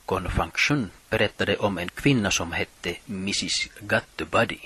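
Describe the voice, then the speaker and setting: Male radio presenter, middle-aged, low husky voice, plain scripted read. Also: pushed and bright. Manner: reads from notes, measured and plain.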